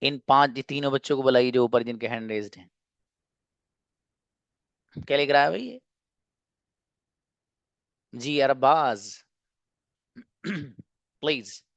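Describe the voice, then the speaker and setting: A man's voice: mid-range voice, expressive, slow pace, long pauses, dry recording, muffled recording. A man teaching an online English class, drilling example sentences and asking and answering his own questions.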